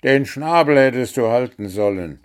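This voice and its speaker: A man voicing a vain, quick-tempered male gnome, loud and scolding. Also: medium pitch, pitched above the performer's own voice. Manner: sharp, scolding, self-important.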